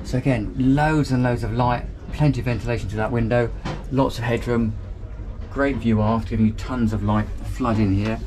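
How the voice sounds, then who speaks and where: This boat reviewer speaks in a mid-range, steady voice at a moderate pace, chatting cheerfully and musing aloud while filming his walkthrough tour. The casual vlog runs from an outdoor marina pontoon into the cabin of a small motor boat, and background noise is audible.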